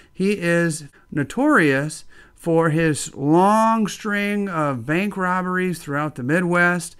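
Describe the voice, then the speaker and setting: A man's voice: a little high, fairly bright tone, smooth. Upbeat man hosting his video channel. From northwest Indiana. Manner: upbeat, friendly, with frequent "uh" fillers. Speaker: channel host. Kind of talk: casual video narration.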